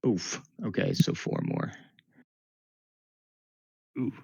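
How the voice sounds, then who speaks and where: A man's voice: deep voice, extremely slow, vocal fry, a little mellow, slightly rough, no room sound. A man chatting casually as a player in a tabletop game.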